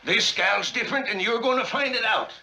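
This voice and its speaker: An actor playing a fussy, folksy cowboy sidekick who scolds in a twangy drawl, in an old film. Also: male voice, extremely high pitch, fairly quick, sharp tone, heavily acted, rough recording.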